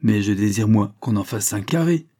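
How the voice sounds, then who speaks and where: A man voicing a sharp-tongued, domineering older spinster in an audiobook. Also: lowish voice, expressive, moderate pace. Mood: angry. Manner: scolding, domineering.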